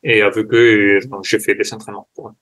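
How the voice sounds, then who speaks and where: A man's voice: on the low side, little pitch movement, brisk, a bit bright. A Spanish man speaking French with a Spanish accent, a sport science researcher who searches for words as a guest in an interview. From Spain.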